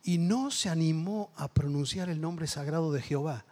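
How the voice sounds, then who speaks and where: A man's voice: fairly high pitch, normal speed, darkish tone. A man with a Rioplatense Spanish accent preaching a sermon, telling a story with acted-out voices and building to emphatic exhortation.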